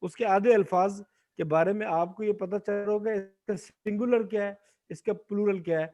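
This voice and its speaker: A man with a high voice teaches Arabic grammar over a video call. He explains a point, then puts a question to the class. He keeps asking his students to answer aloud. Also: steady tone, warm tone. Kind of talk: online Quran Arabic grammar lesson.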